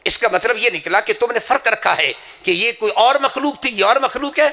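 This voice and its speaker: Male preacher, high and bright-toned, with a gravelly edge, impassioned storytelling sermon. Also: lively intonation. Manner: impassioned, storytelling, swears sincerity. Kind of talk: religious sermon with anecdotes. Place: madrasa gathering.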